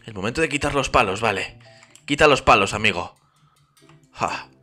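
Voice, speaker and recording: A man's voice: mid-range voice, expressive, moderate pace, pushed and bright, soft background music. A man, chatting and laughing playfully during co-op gameplay as a gaming YouTuber. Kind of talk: casual co-op gameplay chat.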